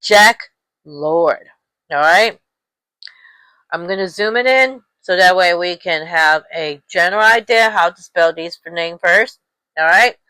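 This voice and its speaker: Slow, patient woman teaching letter sounds. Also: on the low side, sharp tone, smooth, dry recording, rough recording. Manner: patient, repeats each sound slowly with many "okay?" checks. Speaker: English teacher.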